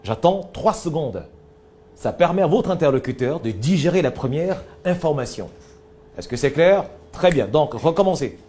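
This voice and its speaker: A man's voice: on the high side, expressive, normal speed, mellow. Man coaching a public speaking class. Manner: didactic, checks understanding with "d'accord" and "est-ce que c'est clair". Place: training room with a class.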